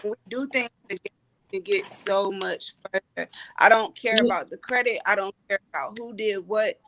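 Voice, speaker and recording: Woman panelist, gravelly voice, calm, earnest, faint background noise. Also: medium pitch, normal speed. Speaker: panel guest. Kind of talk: casual panel chat.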